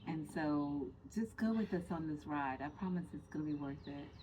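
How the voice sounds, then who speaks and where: A woman co-hosting a podcast talks in a casual chat, earnestly and emphatically laying out her points and building lists. Her voice sits low, she speaks at normal speed, and the background is noisy.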